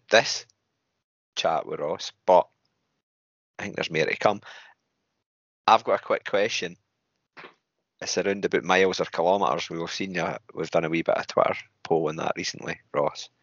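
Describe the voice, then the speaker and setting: A man's voice: low-pitched, normal speed, long pauses, a bit bright, no room sound, highs cut off. A man with a Scottish accent hosting a podcast in casual, rambling, jokey chat. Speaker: podcast host.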